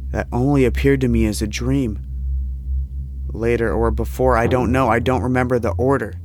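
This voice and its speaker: A haunted, earnest male visionary voiced by an actor in an audio drama. His voice sits at a middle pitch, and he speaks formally, with solemn, intense conviction. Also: fairly even intonation, moderate pace, a little mellow, soft background music, lightly acted. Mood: bewildered, earnest.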